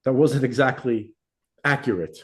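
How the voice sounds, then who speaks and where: A man of medium pitch and moderate pace co-hosts a podcast centered on casual religious discussion. His delivery rambles, full of restarts and tag questions such as "right?" and "okay?"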